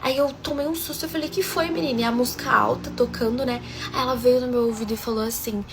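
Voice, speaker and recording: A woman's voice: a little high, fairly even intonation, fast talker, over music. Chatty young Brazilian woman telling a story. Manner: chatty, gossipy, addresses viewers directly. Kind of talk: casual storytime monologue.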